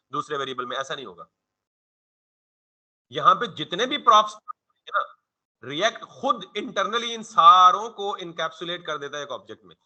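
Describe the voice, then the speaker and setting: A programming instructor with a bright voice on the high side gives a coding tutorial lecture, explaining in an informal, conversational classroom manner. He keeps quizzing the listener with rhetorical questions and then answering them.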